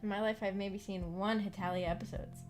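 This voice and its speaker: Her voice is mid-range, steady in tone, fairly quick and a little mellow. This woman hosts a visual novel book club stream, casually chatting and telling personal anecdotes with giggles and self-deprecation, over background music.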